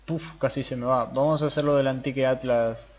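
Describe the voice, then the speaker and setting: Talking fairly quickly in a steady, medium-pitched voice, a young gaming-channel host chats casually through his gameplay, muttering to himself while he plays.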